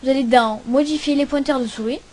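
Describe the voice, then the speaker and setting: A young woman hosting a casual computer tutorial, talking hesitantly with many pauses and restarts. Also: high-pitched, fairly even intonation, a little mellow. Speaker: tutorial host. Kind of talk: casual screen-recording tutorial.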